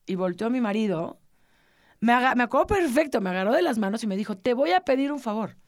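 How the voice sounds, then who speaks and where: Una mujer de mediana edad con acento mexicano cuenta su historia con intensidad y voz algo aguda. Imita con viveza los diálogos de otras personas. La grabación es seca y cercana, sin eco. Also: female voice, on the high side, quick pace, dry recording, clean studio sound. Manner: earnest, animated, acts out quoted dialogue. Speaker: podcast co-host, interviewee. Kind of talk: emotional personal storytelling.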